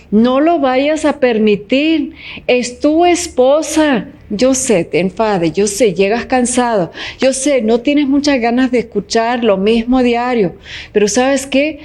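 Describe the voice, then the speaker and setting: A woman's voice: a little high, a little slow, darkish tone. Conversational woman preaching a sermon. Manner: conversational and direct, addressing listeners as tú and usted; uses rhetorical questions.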